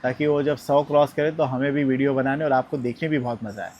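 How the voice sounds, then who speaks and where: A man with an Indian accent hosts a relaxed farm interview, nodding along with brief affirmations and friendly asides. His pitch is ordinary for a man. Light outdoor noise sits underneath. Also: fast, lo-fi sound. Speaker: interviewer, video host. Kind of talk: casual interview.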